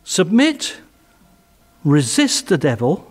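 Preaching in a church hall, an older Englishman speaks slowly with a slightly high, wildly swooping voice and a breathy edge, caught by a headset mic with faint music behind. His delivery is earnest and emphatic, frequently sinking to soft, intimate phrases.

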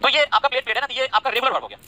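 A man races through an online grammar lesson at a breakneck pace. His voice is bright and forceful. He keeps repeating points and checking that his students follow, and he drops in teasing, chatty asides. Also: very high-pitched, sing-song, rapid-fire. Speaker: English grammar teacher.

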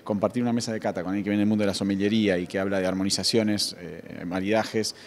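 A man at a festival interview, explaining things in a measured, explanatory way. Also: lowish voice, steady tone. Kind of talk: casual interview. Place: festival hall, indoors.

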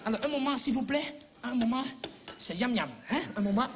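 A man's voice: very high-pitched, brisk, pitched above the performer's own voice. A man putting on a hammy fake-French male wine waiter who mixes broken French with Dutch words. He giggles between phrases. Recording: dull lo-fi recording, noisy crowd.

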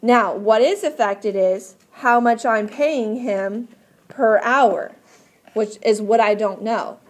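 A woman's voice: a little high, takes it slowly. A woman teaching a math class step by step in a patient, instructive way, often asking questions to check understanding. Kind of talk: classroom lesson, explaining step by step.

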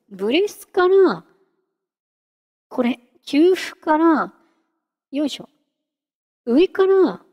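A woman hosting a casual software tutorial, chatty and giggly, talking her way through a live demo. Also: on the high side, big-room sound. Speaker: VTuber host teaching singing-synth software.

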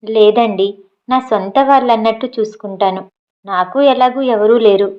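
A woman voicing a shy, humble young woman who speaks softly and pleadingly. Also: mid-range voice, steady tone, normal speed, natural voice. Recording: dull lo-fi audio.

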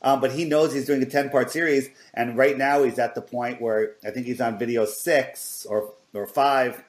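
A man's voice: medium pitch, fairly even intonation, normal speed. A man co-hosting a podcast, rambling casually and filling his speech with "you know.". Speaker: podcast co-host. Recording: echoey room.

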